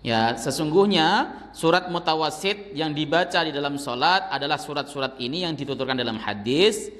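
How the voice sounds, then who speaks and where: A middle-aged man teaching a study circle in a mosque, talking in a fairly high voice. He keeps it conversational, slipping in teasing asides. A long hall reverb trails every phrase. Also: expressive, normal speed, fairly bright tone. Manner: conversational, teasing asides, chants verses in demonstration. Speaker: Islamic teacher.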